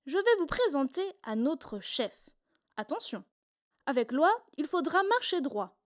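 A woman's voice: sits high, very animated, a little slow, voice pushed up. Woman as a bossy mother hen. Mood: proud. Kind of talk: storybook read-aloud.

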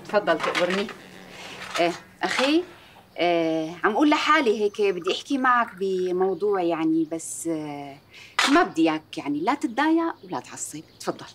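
An actress playing a placating Syrian aunt who sweet-talks her brother and niece, speaking softly with a Syrian Arabic accent. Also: on the low side, big pitch swings, a little fast, slight background noise. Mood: coaxing. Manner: placating, soft-spoken, coaxing. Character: soothing, coaxing aunt and sister, sweet-talking. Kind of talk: TV drama acting.

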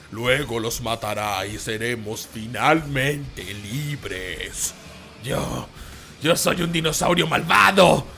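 A man's voice: mid-range voice, animated, very slow, gravelly, pushed and bright, faint music behind, voice pushed down, exaggerated voice. A man voicing an evil, embittered Allosaurus as an ominous, gloating unhinged villain in a dramatic toy-dinosaur story. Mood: gloating menace. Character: menacing evil Allosaurus, embittered, cruel predator.

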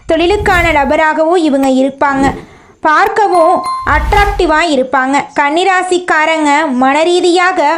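A woman with a Tamil accent presenting astrology forecasts in short, steady declarative sentences. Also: high voice, slight background noise.

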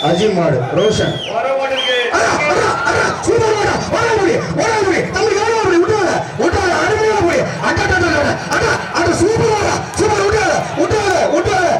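A man with a Tamil Nadu accent announcing through a loudspeaker, repeating exclamations and barking commands at handlers and the crowd. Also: extremely high pitch. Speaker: announcer at a bull-taming event. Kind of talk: live shouted commentary. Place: outdoor arena. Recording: echoey open-air arena, heard from far off, loud crowd and noise.

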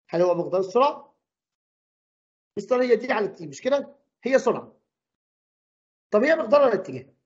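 A man with an Egyptian Arabic accent teaching a physics lesson, quizzing the class with quick questions. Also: fairly high pitch, a little mellow, lo-fi sound.

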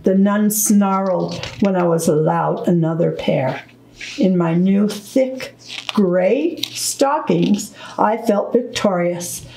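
A woman reading a children's book aloud at storytime, slow, deliberate and gentle. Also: mid-range voice, gravelly, echoey room, slight background noise, low-quality recording. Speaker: storytime reader.

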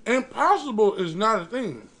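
Male eating-show host, bright forceful voice with gravelly edge, preaching motivation between chews. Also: high voice, sing-song. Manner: chewing and eating while talking; emphatic, preacher-like delivery with dramatic pauses. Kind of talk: motivational talk to camera. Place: small indoor room.

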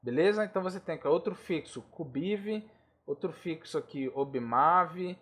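A man's voice: on the high side, lively intonation, moderate pace, fairly bright tone. A Brazilian man explaining aviation charts in a casual, slangy tutorial, constantly checking in with the listener. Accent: Brazilian Portuguese. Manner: chatty and informal, slangy asides, checks in with the listener often. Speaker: air traffic control instructor. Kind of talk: casual screen-share tutorial.

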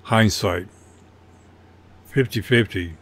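A man's voice: fairly low pitch, takes it slowly, a bit bright. An older man casually narrating his model car build over photos, rambling and folksy with a self-deprecating humor.

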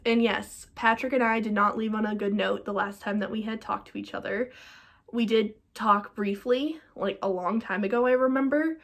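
A woman's voice: mid-range voice, steady tone, moderate pace. A young woman talking to camera in a personal vlog, emotional and rambling with lots of fillers, a little teary. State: teary-eyed. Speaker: vlogger.

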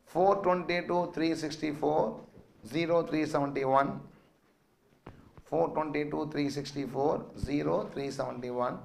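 A man with a South Indian accent teaches maths in a slightly high-pitched voice. He dictates figures and phrases, repeating them for note-takers. He prompts his students with short questions. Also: a little slow, gravelly, a little hiss or hum. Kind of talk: classroom lecture with dictation.

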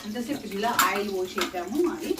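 A woman's voice: medium pitch, brisk, heavy background noise. A woman with a Telangana Telugu accent chats casually while cooking, rambling along and repeating herself. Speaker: home cooking vlogger. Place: indoor home kitchen. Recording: roomy, distant mic, clear kitchen sizzle. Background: sizzling oil, clattering pots and pans.

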